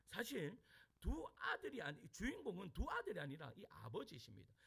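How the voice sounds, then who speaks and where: A male pastor preaching a sermon, asking his congregation questions and answering them himself, dropping to hushed asides and rising to shouted lines. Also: high voice, vocal fry, breathy edge.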